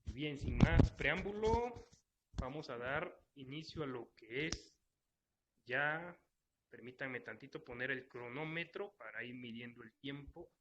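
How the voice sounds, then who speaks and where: A man's voice: medium pitch, lively intonation, measured pace, background noise. A man moderating a live online debate, formally laying out the rules step by step. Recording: dull lo-fi online audio.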